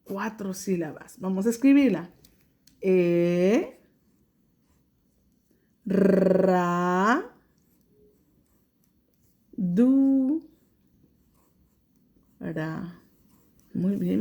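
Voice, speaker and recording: A woman teaching a remote kindergarten lesson, speaking patiently and drawing out sounds for young children. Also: medium pitch. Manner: slow, patient, drawn-out sounds, checks in with "ok?".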